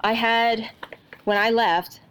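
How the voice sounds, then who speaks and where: A woman's voice: fairly high pitch, steady tone, slow, fairly bright tone, a little hiss or hum, poor audio. A woman co-hosting a knitting podcast at home, chatting casually with many fillers and restarts. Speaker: podcast co-host. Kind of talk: casual chat.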